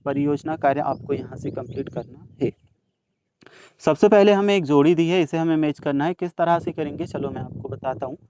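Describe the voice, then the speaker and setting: A man's voice: a little high, a little mellow, a little hiss or hum. A young man teaching a workbook lesson, patiently explaining each answer and speaking directly to students.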